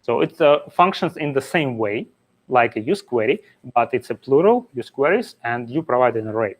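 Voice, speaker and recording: A man's voice: mid-range voice, lively intonation, normal speed. Man giving a technical meetup talk. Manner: explains step by step with frequent "uh" fillers. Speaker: conference speaker. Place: meetup venue.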